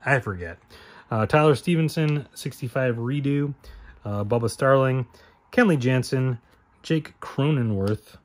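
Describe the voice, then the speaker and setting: A man's voice: medium pitch, unhurried. Male host, casual card-break chatter, self-correcting and rambling, mid-range voice. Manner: rambling, self-correcting, talks to himself while listing names. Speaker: card-opening channel host. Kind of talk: casual card-opening commentary.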